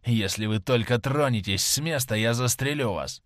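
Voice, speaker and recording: A man's voice: medium pitch, a bit bright, no echo, studio quality, close to an everyday voice. A man voicing a grim vengeful sailor. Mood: menacing. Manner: slow, heavy, menacing delivery. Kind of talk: audiobook character reading.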